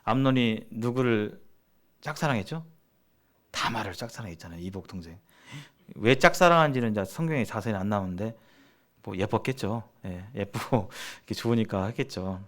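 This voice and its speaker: A man leads a church seminar, teaching members in a conversational, sermon-like style as he explains points and poses questions to the audience. His voice is lowish, animated, and brisk.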